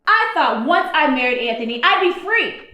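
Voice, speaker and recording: An actress plays a bitter young married daughter pushing back at her mother. Her high voice swings widely in pitch. The sound carries an echoey room. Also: very animated, normal speed, pushed and bright, heavily acted. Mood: defiant. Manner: bitter, cutting, defiant.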